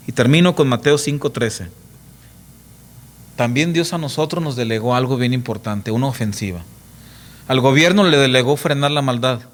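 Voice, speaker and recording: A middle-aged man preaching a sermon, emphatic and full of rhetorical questions to the congregation, telling stories with lively quoted voices. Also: mid-range voice. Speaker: pastor. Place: church.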